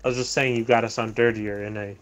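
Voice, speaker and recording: A man's voice: lowish voice, little pitch movement, fast, a little hiss or hum. A young man chatting casually with friends while gaming, laid-back banter with some swearing. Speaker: gaming teammate.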